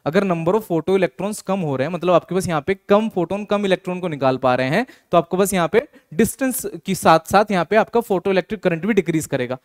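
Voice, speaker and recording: High-voiced Indian physics teacher. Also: male voice. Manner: talks students through problems with repeated rhetorical questions; reads English question text slowly. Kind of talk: exam solution walkthrough lesson.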